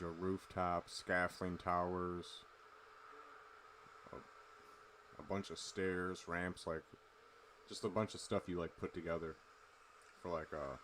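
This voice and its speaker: Casting: young guy with a low voice, loose and chatty, streaming late at night with a faint hiss behind. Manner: relaxed, rambling, full of fillers.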